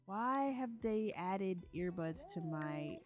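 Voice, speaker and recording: A woman's voice: lowish voice, expressive, slow, a little mellow, soft background music. A young woman, chatting casually while she plays a life-simulation game and laughs often. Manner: chatty, laughs often, voices characters in asides. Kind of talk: casual let's-play commentary.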